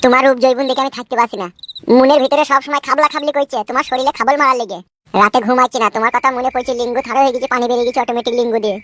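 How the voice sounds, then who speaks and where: A woman's voice: high-pitched, steady tone, rapid-fire, lightly acted. A woman voicing a wheedling crude cartoon suitor. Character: pushy lovesick village man, a shameless suitor.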